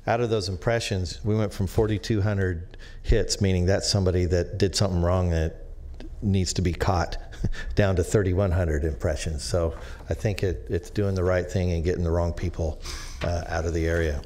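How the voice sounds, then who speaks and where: A man who serves as a business district treasurer, addressing a county board haltingly with many restarts, in a meeting chamber at a podium microphone. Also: sits low, fairly even intonation, darkish tone, slight background noise. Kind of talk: public comment at a government meeting.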